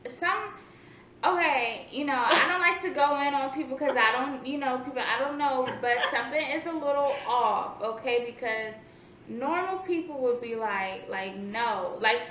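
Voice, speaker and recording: A woman with a high voice co-hosts a casual review chat. She rambles, restarts her sentences and acts out her own imagined replies. The room echoes, with faint noise behind her. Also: moderate pace, fairly bright tone, dull audio. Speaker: co-host reviewing a reality show.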